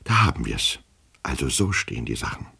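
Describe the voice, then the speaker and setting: Give me a man voicing a jittery official who stumbles over his words, husky. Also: rumbling low, very animated, moderate pace, heavily acted. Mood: muttering. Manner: stammering, pleading, rambling. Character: nervous, fawning male official, anxious and flustered. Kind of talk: audiobook character reading.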